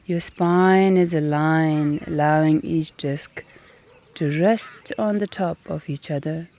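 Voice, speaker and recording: Outdoors in nature, with birdsong and natural ambience behind her, a meditation and yoga teacher guides a meditation. Her voice sits low, and she speaks calmly and gently in short phrases separated by long pauses; the recording carries a faint hiss or hum.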